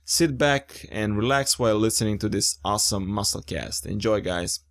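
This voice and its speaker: His voice lowish and a bit bright, a young man talks at a moderate pace as host of a fitness podcast. The chat is casual, with an upbeat, enthusiastic, informal feel.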